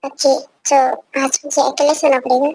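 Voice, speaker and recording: A woman's voice: sits high, level tone, moderate pace, a little mellow, no room sound, close to an everyday voice, poor audio. Woman voicing a timid, pleading innocent young man. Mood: meek. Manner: pleading, plaintive. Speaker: fan dub voice actor. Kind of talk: amateur fan dub.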